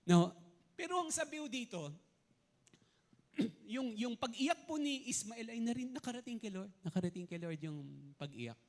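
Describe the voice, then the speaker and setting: A middle-aged man preaches from the pulpit, his voice riding high and swinging widely in pitch. He rises to loud emphasis, then drops to soft, low asides. He keeps checking in with the congregation and mixes English words into his sermon. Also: animated, normal speed, long pauses. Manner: asks the congregation frequent "No?" and "Naintindihan mo ba?" checks. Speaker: pastor.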